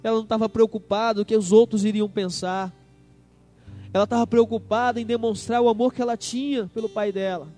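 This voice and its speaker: A young Brazilian pastor preaching a sermon in church, swinging from hushed tender lines to loud emphatic ones and acting out quoted voices. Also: male voice, high-pitched, fairly even intonation, a little fast, soft background music. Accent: Brazilian Portuguese. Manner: acts out quoted voices of children and God. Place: church service.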